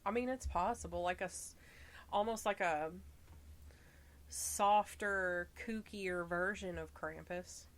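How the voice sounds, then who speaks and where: A woman with a Southern US accent hosts a podcast in a lowish, slow voice, reading from her researched notes. She drifts into relaxed, chatty asides, stumbling now and then and laughing at herself.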